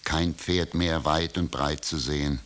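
A man's voice: extremely low pitch, steady tone, a little slow, a bit bright. A man narrating a fairy tale from a script as a storyteller.

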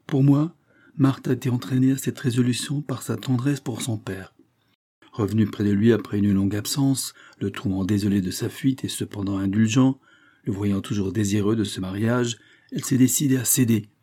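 A man reading an audiobook, voicing a resolute old grandfather who reasons in a measured, firm way. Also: fairly low pitch, mellow, breathy edge. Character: grave, resolute grandfather, protective and calm.

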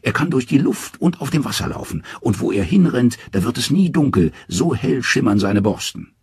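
A man voicing a proud, grim male dwarf smith who speaks slowly and solemnly. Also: medium pitch, sing-song, darkish tone, breathy edge, no echo, pitched above the performer's own voice, exaggerated voice.

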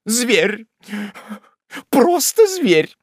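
A man's voice: very high-pitched, big pitch swings, drawn-out words, no echo, clean studio sound, pitched above the performer's own voice, exaggerated voice. A man voicing a compassionate elderly landlady who clucks and fusses over a patient. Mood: fussing. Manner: fussy, clucking. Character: compassionate elderly female innkeeper, fussing.

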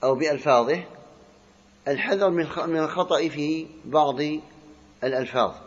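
A man's voice: fairly high pitch, husky. A man teaching a lesson on a religious text, asking the class questions and answering them himself, and sounding out right and wrong pronunciations. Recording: slightly dull lo-fi recording.

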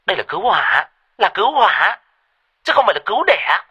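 A man voicing a sharp-tongued, irritated woman operator at a fire station, scolding shrilly. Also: sits high, very animated, quick pace, husky, voice pushed up, exaggerated voice.

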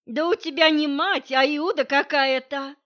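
Audiobook bit: woman reader doing a loud, cheeky young woman, pitched up a touch, dull lo-fi sound. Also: expressive. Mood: teasing. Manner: loud, teasing, quick-tongued. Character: brash cheeky young woman, former shooter. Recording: dull lo-fi recording.

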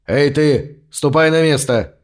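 A gruff, bored policeman, played by a male narrator, barking short commands. The voice is raised and drawn out. It belongs to an audiobook crowd scene. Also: on the high side, takes it slowly. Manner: barking orders.

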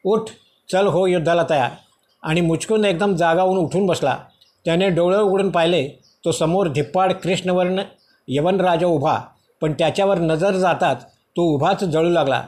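A man reading a prose rendering of a sacred story in steady, measured narration. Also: high-pitched. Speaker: reader of scripture.

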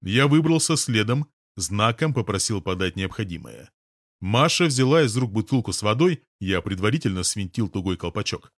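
Male narrator, low voice, steady first-person audiobook read, dry studio sound. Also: no echo.

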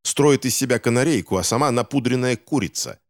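A smug, scheming gentleman villain sneers his way through every line, contempt in each word. His voice sits a touch raised and lively, put on by a man reading a storybook aloud. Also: medium pitch, brisk, no echo, studio quality, voice pushed up, lightly acted. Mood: sneering.

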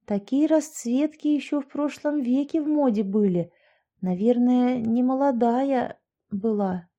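Woman doing a brash excitable young woman, raised bright pitch, mellow tone. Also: unhurried, highs cut off, close to an everyday voice. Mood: excited. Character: lively bold young woman friend.

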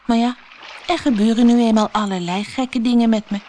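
Woman doing a high tearful little girl. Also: steady tone, brisk, dark tone, a little hiss or hum, close to an everyday voice. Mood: distressed. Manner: high girlish voice, whimpering and exclaiming. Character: young girl Alice, tearful and bewildered.

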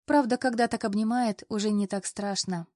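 A woman's voice: mid-range voice, steady tone, moderate pace, warm tone, dry recording, studio quality, natural voice. A woman reading the lines of a young heroine who is embarrassed and complains in a whining, exclamatory way. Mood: flustered whining. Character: flustered young woman, whiny and easily embarrassed.

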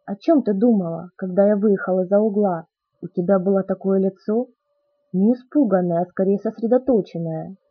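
A woman's voice: medium pitch, moderate pace, breathy edge, close to an everyday voice. A woman reading the lines of a brooding young male vampire, speaking in a muffled but insistent way. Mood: earnest. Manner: muffled, insistent, softly spoken. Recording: tinny phone-like audio.

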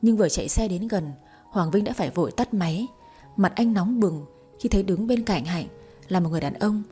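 A woman calmly narrating a romance story in an even storytelling manner. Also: mid-range voice, fairly quick, breathy edge, soft background music.

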